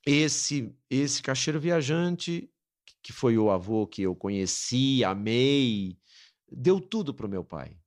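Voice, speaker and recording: Man telling a family story with a lively, rising and falling voice. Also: medium pitch, slow. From Brazil. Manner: earnest, emotional, dramatic retelling. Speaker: interview guest. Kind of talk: personal storytelling.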